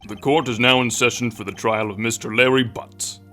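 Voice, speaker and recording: A man voicing a stern, formal older judge in a fan-dubbed video game, measured and authoritative. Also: medium pitch, steady tone, sharp tone, soft background music, lightly acted. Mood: stern, solemn.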